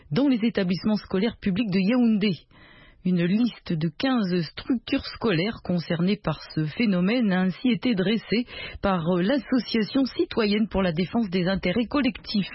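A woman presenting the news on the radio, reading in a measured, formal way with a few small hesitations. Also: medium pitch, breathy edge, no room sound. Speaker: news anchor. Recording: dry, slightly dull radio studio sound.

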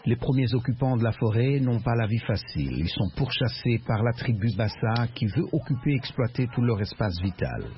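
A man's voice: medium pitch, animated, a little fast, few pauses. A man narrating a radio news report in a formal, descriptive way. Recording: lo-fi radio sound with a busy crowd behind.

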